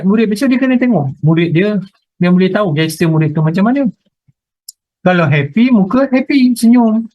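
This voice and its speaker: Middle-aged malaysian guy lecturing, high voice, joky, keeps quizzing students, dry close sound. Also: no room sound, low-quality recording. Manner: teasing, lively, asks students questions. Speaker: university lecturer. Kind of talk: online lecture with class banter.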